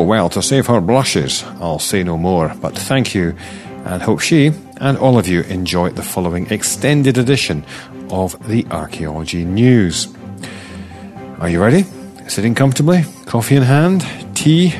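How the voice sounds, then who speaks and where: A man's voice: sits low, a little mellow. A man with a Scottish accent hosting a podcast news roundup, reading stories with playful asides and self-deprecating jokes.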